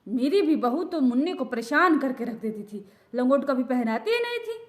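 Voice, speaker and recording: A woman's voice: high-pitched, very animated, normal speed. A woman voicing a chatty older grandmother who lectures a young mother with old home remedies. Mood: lecturing. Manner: chatty, lecturing, full of advice.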